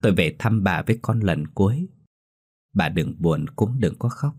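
The gentle ghost of a soldier husband, tender and sorrowful, as a male storyteller voices him. The voice is deep and low. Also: lively intonation, normal speed, slightly rough.

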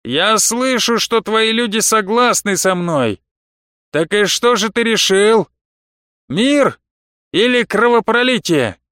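A pompous male faction boss, as an audiobook narrator puts him on, orating in slow, stretched-out phrases that sit well above the reader's own pitch. He lays on every line with grand self-importance. The voice is bone-dry and close. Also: expressive, bright, forceful tone, clean tone, no room sound, exaggerated voice. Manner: grandiose, drawn-out oratory. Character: pompous male leader of an elite band.

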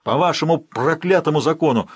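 A man reading an audiobook, voicing a jealous Viking chieftain who shouts, then turns cold and harsh. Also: medium pitch, lively intonation, moderate pace, no room sound, lightly acted. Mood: furious. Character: fierce Viking chieftain, jealous and hot-tempered.

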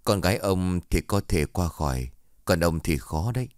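A stern elderly exorcist, put on by a male storyteller, delivering warnings in a very deep, grave voice. He speaks slowly and heavily in this audio horror tale. The sound is dry and close. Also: expressive, dry recording.

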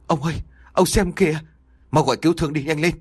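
Frantic mother, as a male narrator puts her on, shrill high voice, wailing, scolding, husky edge. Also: sing-song, fast. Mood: panicked. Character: panicked middle-aged mother, shrill and frantic.

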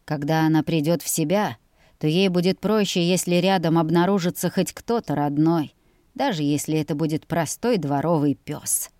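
A woman voicing a calm, heavy-voiced peasant father who speaks slowly and steadily in a storybook. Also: on the low side, dry recording, clean studio sound. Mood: grave. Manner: calm, deliberate.

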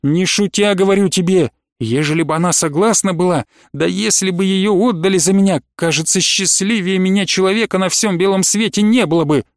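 A man's voice: high-pitched, a little fast, few pauses, dry recording, clean studio sound. A man voicing an eager young suitor. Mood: pleading. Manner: excited, pleading, blurting.

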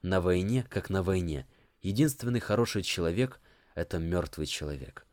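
Figure: fiery male pig, a rousing leader read by a man. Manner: commanding, exclaiming. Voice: deep. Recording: dry. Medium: audiobook. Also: expressive, normal speed, darkish tone, no echo.

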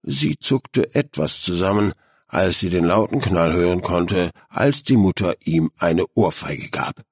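A man narrating an audiobook in a calm, even reading. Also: sits low, a little slow, breathy edge, no echo, studio quality.

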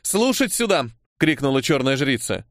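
A man reading an audiobook, voicing a fierce, sharp-toothed young woman priestess who teases and barks commands. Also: on the high side, big pitch swings, fairly quick, no echo, clean studio sound, voice pushed up. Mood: commanding. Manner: bold, teasing, barks commands.

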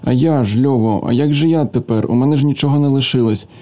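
Guy reading a feverish jilted young woman, soft, breathless, kinda whispery, fast. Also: mid-range voice, natural voice. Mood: distraught.

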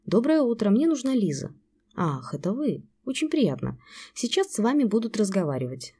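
A woman reading the lines of a calm, kindly grown man who speaks softly and soothingly. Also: a little high, normal speed, slightly rough, pitched above the performer's own voice, heavily acted. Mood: gentle. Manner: soft, steady, soothing.

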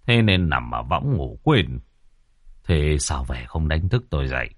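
A man's voice: a bass voice, very animated, unhurried, no echo, studio quality, pitched below the performer's own voice, exaggerated voice. A male narrator voicing a grumpy old village man who mutters complaints, in a storybook reading.

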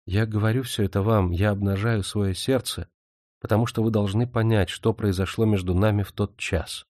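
Low, mellow male audiobook narrator. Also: steady tone, moderate pace, no echo, clean studio sound. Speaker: audiobook reader. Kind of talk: scripted narration.

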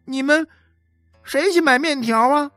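A man's voice: very high voice, unhurried, pushed and bright, dry recording, soft background music, voice pushed up, heavily acted. A man voicing a sad, stubborn eleven-year-old boy who begs strangers for a father, in a childish, whiny way.

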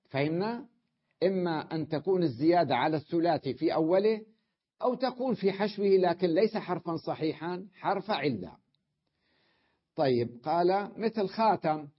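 A man's voice: high-pitched, husky, dull audio. A male teacher giving a classroom lesson on Arabic grammar, explaining step by step and often checking that his students follow.

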